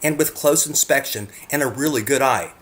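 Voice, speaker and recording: A man with a medium-pitched voice reads scripted narration at a moderate pace. He is earnest and speaks straight to the viewer while presenting photographs of his own.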